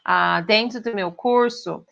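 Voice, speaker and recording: Slowly and clearly, a British woman with an English accent teaches pronunciation online, her mid-range voice fairly bright over dull audio. A native English speaker, she checks in with her students frequently by asking "ok?"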